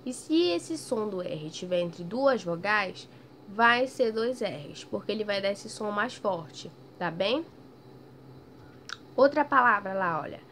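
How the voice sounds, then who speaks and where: Slow, patient woman teacher. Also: medium pitch, animated, slight background noise. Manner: slow, patient, stretches example words loudly; ends phrases with "tá bem?" checks. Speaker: primary school teacher. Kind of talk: recorded remote lesson for children.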